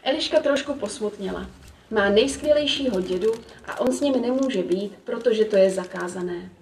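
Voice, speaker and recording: Calm woman reading a children's story. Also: mid-range voice, slight background noise. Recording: roomy, distant, faint ambience.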